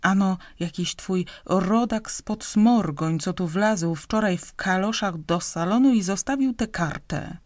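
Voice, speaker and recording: A woman's voice: medium pitch, measured pace, few pauses, no room sound, lightly acted. A woman reading an audiobook, voicing a grasping, domineering wife who scolds and interrogates her husband. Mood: scornful. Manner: scolding, interrogating, raised and insistent. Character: grasping sharp-tongued middle-aged wife, domineering.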